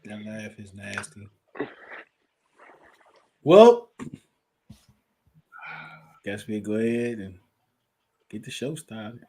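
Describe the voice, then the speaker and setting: A man's voice: on the low side, expressive, extremely slow, long pauses, dark tone. A male podcast host on a video call, chatting casually and teasing his co-hosts. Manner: playful, teasing banter. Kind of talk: casual sports chat.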